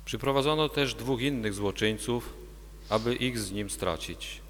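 A man's voice: mid-range voice, slight background noise. Man narrating a church Passion reading. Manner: steady, measured narration. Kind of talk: liturgical reading. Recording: long church reverb.

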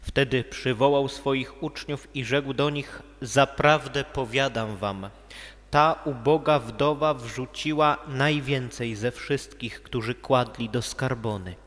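A man reading a gospel passage aloud at a church service, steady and deliberate. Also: mid-range voice. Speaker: gospel reader. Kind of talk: liturgical reading. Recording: long church reverb.

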